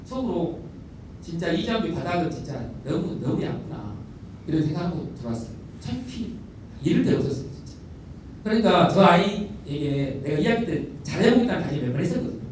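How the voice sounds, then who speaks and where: A middle-aged man, a school principal telling stories in a lecture, animated and repeating words for emphasis, recorded from a distant mic in a large lecture hall. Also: high-pitched. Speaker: elementary school principal giving a talk. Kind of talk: storytelling lecture. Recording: echoey hall, distant mic, faint noise.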